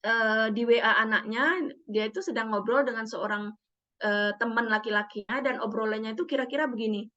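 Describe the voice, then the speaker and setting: A woman's voice: on the high side, brisk. A middle-aged woman psychologist, telling stories in a parenting seminar and acting out the dialogue. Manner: animated, acts out quoted dialogue. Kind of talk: storytelling seminar talk. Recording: dull muffled lo-fi sound.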